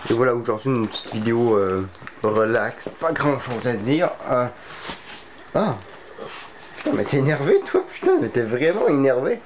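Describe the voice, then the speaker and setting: A young man talks casually to his viewers, joking around and slipping into playful mock alarm. His voice sits at an ordinary middle pitch. A faint hiss of noise runs under the recording. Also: very animated, moderate pace. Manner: playful, mock-panicked cries for help. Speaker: vlogger. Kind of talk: casual vlog chat.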